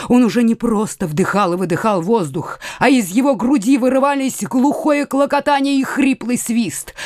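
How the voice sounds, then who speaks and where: A woman narrating an audiobook with measured, dramatic pacing. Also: fairly high pitch, darkish tone, no echo, clean studio sound.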